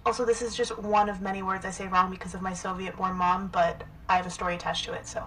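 A woman with a bright, clear-edged voice tells a short story in a wry, matter-of-fact way. She sounds a little distant, with faint noise behind her. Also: medium pitch, flat delivery, quick pace. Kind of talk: casual storytelling.

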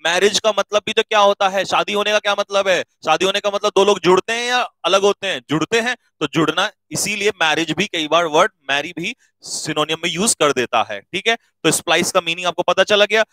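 A man teaching exam vocabulary, brisk and coaxing, repeating words so students can note them down. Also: high voice, bright, forceful tone, no room sound, rough recording. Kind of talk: exam-prep video lesson.

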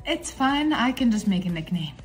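A woman's voice: on the high side, very animated, moderate pace, soft background music. A young woman acting out a comedy sketch in a whiny, dramatic, exasperated way. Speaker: comedy creator. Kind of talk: comedy sketch role-play.

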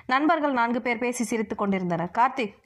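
A woman narrating an audio novel in a steady, expressive reading style. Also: on the high side, fast talker. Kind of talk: scripted storybook narration.

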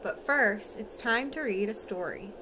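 A woman with a mid-range voice reads a bedtime picture book to a toddler, unhurried, in the encouraging sing-song style mothers use with young children. The phone recording at arm's length also catches a noisy background.

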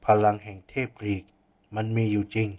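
A man voicing a kindly, patient older teacher who explains things gently in an audiobook story. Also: fairly low pitch, monotone, a little fast, close to an everyday voice. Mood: explaining.

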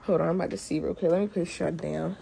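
A young woman vlogs casually while cleaning her room, chatting and rambling straight to her viewers. Her voice is on the low side and creaky, with a steady tone, and she talks fast.

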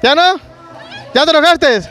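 A young Mexican man with a very high voice runs a rowdy street game outdoors, talking into a handheld mic. He teases the contestants and pumps up the crowd with slang, surrounded by the bustle of a market. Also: unhurried, slight background noise. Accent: Mexican Spanish. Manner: teasing, hypes the crowd, slangy. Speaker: street prank show host. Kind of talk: energetic street game hosting. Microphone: handheld microphone.

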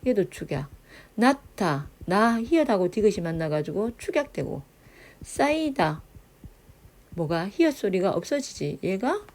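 Animated woman teaching grammar. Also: medium pitch. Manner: checks understanding with frequent tag questions; sounds out example words slowly. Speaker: middle school Korean teacher. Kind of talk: grammar lesson lecture.

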